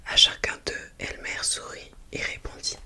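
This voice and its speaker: An ASMR host reading a children's picture book aloud in a hushed library whisper, with gentle phrasing and small asides to listeners. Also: normal speed.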